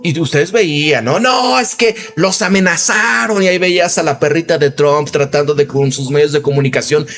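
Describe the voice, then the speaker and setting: A man's voice: a little high, normal speed, hardly any pauses, fairly bright tone. A Mexican man in his thirties hosting a casual commentary video, rambling and tossing in tag questions. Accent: Mexican Spanish. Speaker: commentary channel host.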